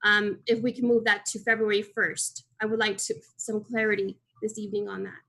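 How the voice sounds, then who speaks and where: A woman's voice: medium pitch, level tone, a little fast, gravelly, a bit bright, rough recording. A woman school board trustee at a board meeting, asking formally and repeating words as she goes.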